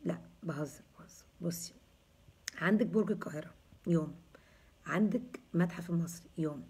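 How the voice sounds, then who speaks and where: Hosting a laid-back live chat, this Egyptian woman in her thirties responds to viewers' comments with chatty jokes and teasing. She speaks a little fast in a low, darkish voice with a breathy edge and an Egyptian Arabic accent.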